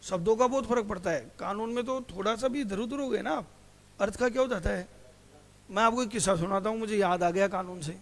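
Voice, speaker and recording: In a lecture hall with noticeable reverb, a male teacher with a high voice speaks at a brisk pace. He keeps posing questions to his students, answers them himself, and addresses them as "beta."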